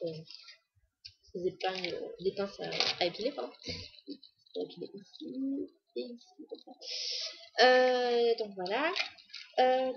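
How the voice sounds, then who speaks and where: A woman's voice: on the high side, highs cut off, noisy background. A woman chatting casually to the camera in a beauty haul video, enthusiastic and full of fillers. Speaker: beauty vlogger.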